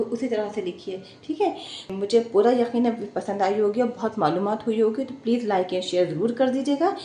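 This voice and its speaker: A woman's voice: fairly high pitch, warm tone. A woman teaching an Urdu pronunciation lesson, contrasting right and wrong forms of words and often checking with "theek hai". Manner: corrects word pairs, repeats "theek hai". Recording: echoey distant room with hiss.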